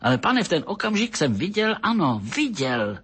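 A man voicing an excitable, irritable middle-aged police detective who talks in agitated bursts in an audiobook reading. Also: sits high, husky, pitched above the performer's own voice, full character voice. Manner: agitated, exclamatory, bursts of shouting.

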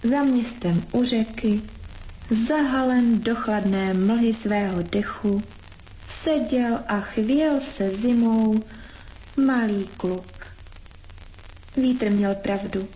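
A woman gently reading a storybook aloud in measured narration. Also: on the high side, a little hiss or hum, poor audio.

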